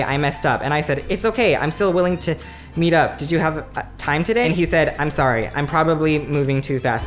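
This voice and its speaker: A man's voice: a little high, a bit bright. A young man from the USA telling a dating story to camera in a casual, chatty way, full of "like" and "you know" and wry self-mocking asides. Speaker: vlogger.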